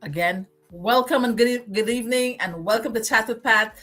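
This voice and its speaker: A woman's voice: fairly high pitch, moderate pace, fairly bright tone, faint music behind. A woman from Guyana with a Guyanese accent, hosting a motivational livestream and preaching, repeating phrases for emphasis. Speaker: livestream host.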